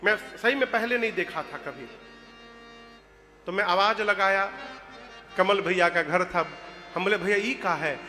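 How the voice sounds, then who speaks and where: A man, telling devotional stories with jokes, animated and bursting into loud chants. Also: high voice, unhurried, long pauses, faint music behind. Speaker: religious storyteller. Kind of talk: humorous devotional storytelling.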